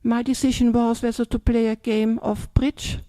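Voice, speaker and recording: An older Buddhist nun with an Austrian German accent gives a relaxed, chatty dharma talk at normal speed, tagging sentences with "yeah?" and "yes?" to check in with listeners. Her fairly high voice sounds mellow and soft, recorded close and dry with no room sound.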